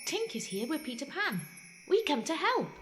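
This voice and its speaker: A stately fairy speaks in formal, old-fashioned phrases, her pitch lively and fairly high, as a woman voices her. Faint music and chimes sit under a long reverb. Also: normal speed. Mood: solemn. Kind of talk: amateur audio pantomime.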